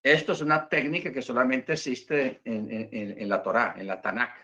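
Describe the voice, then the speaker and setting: Bright-voiced man teaching Hebrew. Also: mid-range voice, fairly even intonation, moderate pace. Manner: explains patiently, repeats points, asks "¿Ok?". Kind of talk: teaching class to congregation. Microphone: video call.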